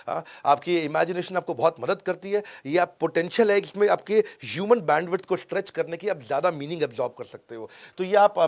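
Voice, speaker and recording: A middle-aged man giving an energetic lecture in Hindi mixed with English phrases, emphatic and repeating his points. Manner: emphatic, repeats points, acts out film dialogues in a lowered voice. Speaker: motivational speaker teaching English learning tips.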